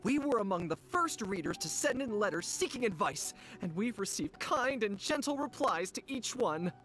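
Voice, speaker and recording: A woman's voice: mid-range voice, animated, normal speed, a bit bright, soft background music, lightly acted, low-quality recording. A woman voicing a zealous adult fan-club leader in a video game, who speaks in a preachy, rousing manner. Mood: coaxing.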